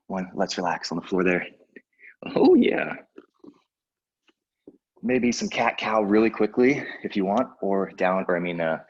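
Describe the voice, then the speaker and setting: A man with a low, breathy-edged voice coaches a workout like an aerobics instructor, casually tossing out short encouraging cues and countdowns while exerting himself. The audio sounds dull.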